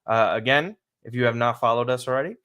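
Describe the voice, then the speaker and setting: Male podcast host, slight lisp, medium-pitched voice, casual and emphatic soccer commentary delivered straight to live viewers. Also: fast talker, pushed and bright, smooth. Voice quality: slight lisp from dental aligners.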